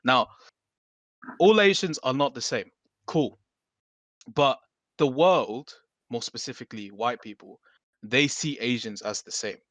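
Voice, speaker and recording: A man hosting a casual podcast chat, talking in an animated way with frequent swearing and restarts. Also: medium pitch, measured pace, pauses often, no room sound.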